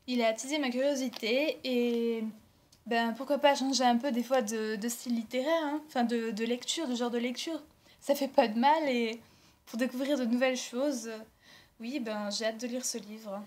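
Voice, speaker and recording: A woman's voice: on the high side, fairly even intonation, normal speed, a little mellow. A young woman from France chatting casually about books she received and bought, rambling with lots of fillers and self-corrections. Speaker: book blogger. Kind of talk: casual book haul vlog.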